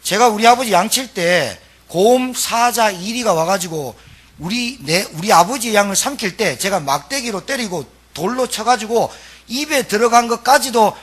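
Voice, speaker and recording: A man's voice: high-pitched, lively intonation, normal speed, fairly bright tone, husky, heavily acted. A man voicing a confident young shepherd boy, speaking earnestly.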